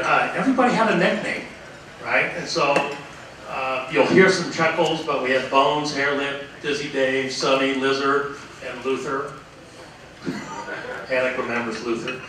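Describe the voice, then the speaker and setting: A man in his sixties giving a rambling acceptance speech at an awards dinner, full of uh fillers as he tells stories from his career. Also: medium pitch. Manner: rambling storyteller, full of uh fillers, acts out quoted voices. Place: large banquet hall at an awards dinner. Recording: echoey hall, distant mic, room noise.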